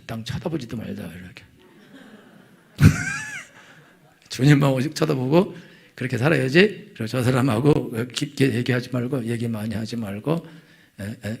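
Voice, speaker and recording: A middle-aged male pastor preaching a sermon, telling stories with lively, acted-out outbursts. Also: mid-range voice, gravelly, breathy edge. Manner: animated storytelling, acting out angry prayers. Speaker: senior pastor.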